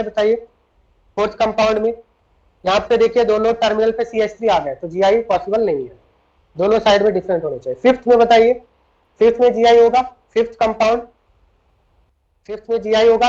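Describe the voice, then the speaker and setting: His voice sits high and sounds a little mellow as he teaches chemistry in a classroom lecture. Moving between Hindi and English, he explains step by step and keeps asking his students questions, all on a dull lo-fi recording.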